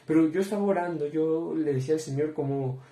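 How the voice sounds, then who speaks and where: A man's voice: on the high side, brisk, dark tone. Earnest young man teaching the Bible. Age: young adult. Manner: earnest, repeatedly addresses listeners as brothers. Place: room with bookshelves behind him. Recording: roomy echo.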